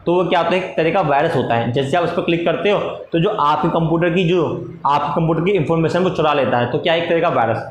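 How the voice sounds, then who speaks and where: A man lecturing a class dictates notes slowly, repeats phrases, and answers his own questions in a lower voice. The room is echoey with faint noise.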